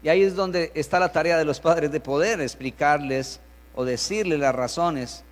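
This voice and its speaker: Male pastor, high-pitched, preaching in a sermon, acts out the parents' lines; long reverb, faint hum. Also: normal speed. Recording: reverberant hall with mains hum.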